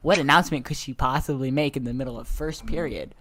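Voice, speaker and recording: A man's voice: medium pitch, fast, fairly bright tone, no room sound. A man reading his own story aloud, often breaking into giggles.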